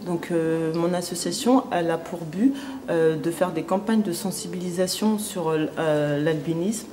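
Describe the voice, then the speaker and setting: A woman's voice: lowish voice, unhurried. A woman in her thirties from Cameroon who heads an association, speaking hesitantly in an interview. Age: 30s. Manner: hesitant, many fillers. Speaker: association president. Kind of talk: interview testimony. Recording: noisy ambience behind.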